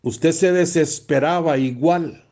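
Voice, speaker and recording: A man's voice: a little high, takes it slowly, a little mellow. A man, a priest preaching a blunt, emphatic sermon and repeating phrases for stress.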